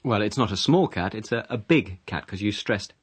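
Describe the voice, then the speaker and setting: A man's voice: fairly low pitch, lively intonation, normal speed, husky, dry recording. Man presenting a radio lesson. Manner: conversational, asks questions.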